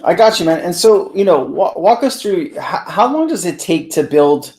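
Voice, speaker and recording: A man's voice: sits high, big pitch swings, moderate pace, darkish tone. A man hosting a crypto livestream interview in an informal, stammering tech bro manner. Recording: echoey, roomy sound.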